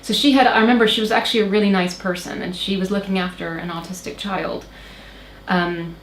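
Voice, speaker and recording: The speaker, a woman in her thirties from Oklahoma, is an interview guest sharing a personal story in an American accent tinged with Irish lilt. Her medium-pitched voice moves fairly quickly with fairly even intonation, though she hesitates, using many fillers and starting over. Faint noise and a roomy echo fill the recording.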